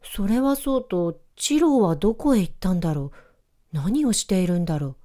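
A woman voicing a brisk young boy in a storybook reading. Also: medium pitch, lively intonation, mellow, lightly acted. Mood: wondering. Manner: brisk, scolding.

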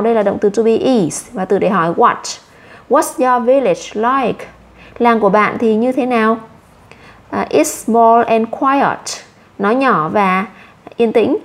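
A woman with a Vietnamese accent teaching English to children, saying each English word slowly twice and explaining it in Vietnamese. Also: medium pitch. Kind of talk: slow classroom explanation for children.

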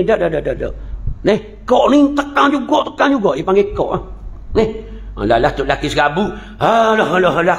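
Lively high-voiced Malay preacher with Terengganu accent. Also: male voice. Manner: joking, storytelling, playful dialect asides. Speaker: religious teacher. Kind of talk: humorous religious lecture.

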